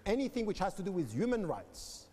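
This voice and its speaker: A man's voice: high voice, big pitch swings, a little fast, a little mellow. A man, an academic guest in a debate interview, speaking emphatically with stammering restarts. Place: debating hall with an audience. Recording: long hall reverb.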